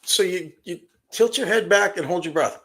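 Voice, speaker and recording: A man co-hosts a studio podcast, chatting casually while he teases and jokes crudely. His voice sits a little high and sounds bright and forceful. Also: normal speed, breathy edge. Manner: teasing, crude, laughs a lot. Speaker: podcast co-host. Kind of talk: casual chat.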